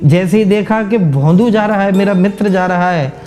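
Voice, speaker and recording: A man's voice: high-pitched, normal speed, mellow, faint music behind. A man telling a devotional story as a sermon, emotive and addressing his listeners directly.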